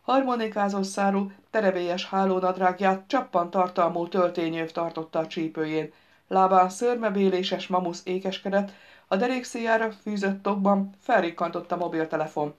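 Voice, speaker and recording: A woman narrating a humorous audiobook in a lively, wry storytelling manner. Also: medium pitch, highs cut off. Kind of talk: scripted narration.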